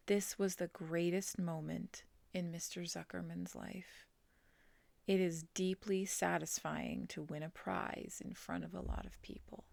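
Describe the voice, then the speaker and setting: A woman reading a children's novel aloud, slowly and gently, dropping to a whisper in quiet passages. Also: lowish voice, vocal fry, no echo. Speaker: storybook reader.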